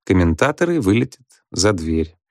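A man's voice: low voice, sing-song, moderate pace, dry recording, clean studio sound. A man reading an audiobook voices a stern young male teacher who gives curt, commanding orders. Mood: warning. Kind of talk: audiobook character voice.

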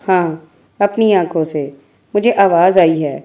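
A woman voicing a quiet young village man who speaks low and urgently. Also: steady tone, unhurried.

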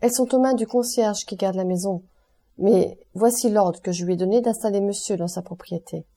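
A woman's voice: medium pitch, normal speed, dark tone, natural voice. A woman reading the part of an eager, deferential male notary who speaks hesitantly, in an audiobook. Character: eager, obsequious small-town male notary.

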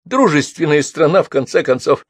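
A man reading the part of a brash young woman who talks briskly and teases. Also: a little high, big pitch swings, slightly rough, dry recording, studio quality, voice pushed up. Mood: teasing.

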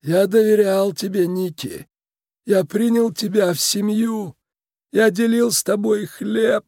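Mr. Big, a man doing a creaky tiny shrew mob boss. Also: high-pitched, a little mellow, no room sound, clean studio sound, voice pushed up, exaggerated voice. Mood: cold menace. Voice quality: creaky, commanding. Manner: slow, drawn-out menace. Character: tiny elderly male shrew crime boss, commanding, cold. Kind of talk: storybook reading.

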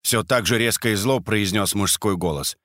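A man narrating a crime audiobook in a steady, even reading manner. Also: on the low side, normal speed, dry recording, clean studio sound.

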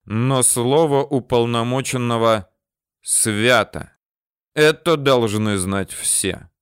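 A man reading an audiobook in measured, unhurried narration. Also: mid-range voice, clean tone, dry recording, clean studio sound. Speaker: audiobook reader. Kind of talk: scripted narration.

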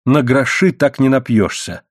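A man reading the part of a furious, worn-down miner's wife with sharp, indignant retorts. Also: mid-range voice, lively intonation, normal speed, no room sound, clean studio sound, natural voice.

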